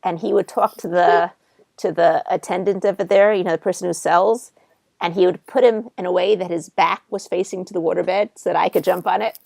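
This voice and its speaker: A woman's low voice with a gravelly edge leads a healing session. She speaks in slow, soothing instructions. The sound is dry and close. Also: steady tone, a little mellow, no echo. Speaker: EFT healing practitioner. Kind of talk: guided visualization and tapping session.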